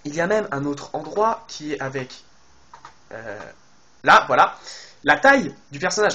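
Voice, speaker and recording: Breaking down a game trailer for his viewers, this YouTuber keeps things loose and chatty, speaking to them directly. His thinking-aloud style is full of fillers and restarted sentences. The voice runs a little higher than typical for a man, over slight background noise.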